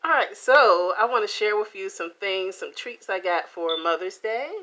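A middle-aged woman chatting casually to the camera as she reviews food at home, with an unhurried manner. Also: mid-range voice, fairly bright tone, low-quality recording. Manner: unhurried, talking between bites with pauses and mm sounds. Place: indoors, small home room. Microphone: camera or phone at about arm's length.

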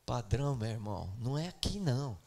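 A man from Brazil preaching a sermon in church, moving between soft asides and loud, repeated outbursts. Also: medium pitch, big pitch swings, a little fast, slight background noise. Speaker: pastor. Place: church sanctuary.

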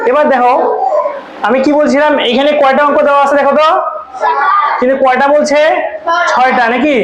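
A man's voice: very high voice, reverberant, background noise. A man teaching math to a class as a tutor, asking students questions and repeating the answers. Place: tuition classroom.

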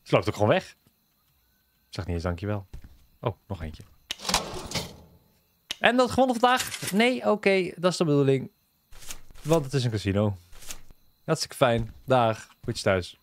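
A man's voice: lowish voice, lively intonation, normal speed, pauses often. A man gives a casual running commentary over a game he is playing. His voice swings widely up and down as he jokes and teases the characters on screen. There is a faint hiss behind him. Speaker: gaming video host. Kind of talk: casual let's-play commentary.

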